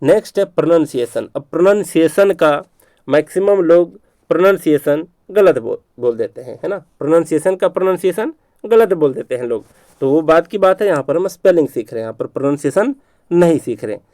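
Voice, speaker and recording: A male teacher giving an exam-prep spelling lesson, repeating words slowly and stretching out syllables, with frequent checks on whether the class is following. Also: a little high, lively intonation, darkish tone, no room sound.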